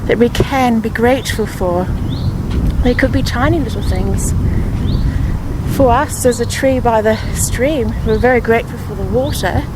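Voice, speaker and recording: A woman guiding a grounding meditation, speaking positive affirmations with pauses and repetition. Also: on the high side, very noisy. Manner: slow, pausing grounding-exercise delivery with repeated affirmations. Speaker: meditation guide.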